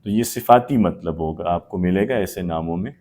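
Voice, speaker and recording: A man's voice: sits low, warm tone, slight background noise. A man teaching Arabic grammar in a live online class, patiently explaining with many examples.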